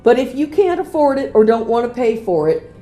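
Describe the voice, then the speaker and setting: A woman's voice: on the high side, big pitch swings, brisk, warm tone, soft background music. A woman co-hosting a podcast, chatting casually and leading the discussion with a self-deprecating manner. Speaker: podcast co-host. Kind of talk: casual chat.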